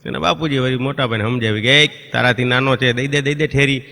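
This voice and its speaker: A man's voice: mid-range voice, fairly even intonation, creaky, sharp tone. A man doing a stand-up folk comedy routine on stage, telling stories and voicing neighbours and children. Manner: storytelling with quick voiced impressions of neighbours and children. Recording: long reverb of a stage hall.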